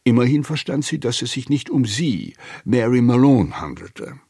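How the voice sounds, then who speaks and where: A man narrating a literary audiobook in a measured, expressive storytelling manner. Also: medium pitch, gravelly, husky, no echo, clean studio sound.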